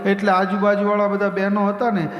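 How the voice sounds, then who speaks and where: A man with a Gujarati accent giving a devotional scripture discourse, telling stories in a lively way and acting out the quoted voices. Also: sits high, fairly quick, muffled recording. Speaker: Bhagavat katha storyteller. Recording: echoey reverberant hall.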